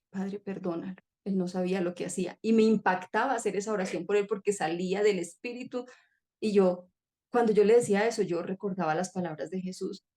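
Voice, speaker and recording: Woman guest, heartfelt testimony, soft mellow voice. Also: mid-range voice. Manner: emotional, earnest storytelling. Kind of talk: personal testimony in conversation.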